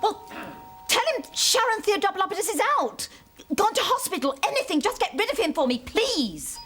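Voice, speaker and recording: Brief: prissy social-climbing woman, pitch swinging widely. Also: big pitch swings, normal speed, a bit bright, exaggerated voice. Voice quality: prissy, genteel, fussy. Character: prim, pretentious social-climbing woman writer. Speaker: sitcom character. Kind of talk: studio sitcom acting.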